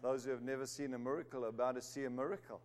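Speaking very fast in a steady, medium-pitched, slightly mellow voice, a Zimbabwean man raised in South Africa delivers an emphatic sermon. He pushes key words up for stress and throws in bits of humor.

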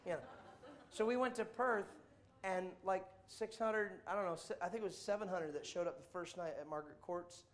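A man preaching to a congregation, telling travel stories in a jokey, animated way with playful mock voices. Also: sits high, normal speed. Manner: jokey, does voices and mock accents in quotes. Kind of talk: animated sermon storytelling.

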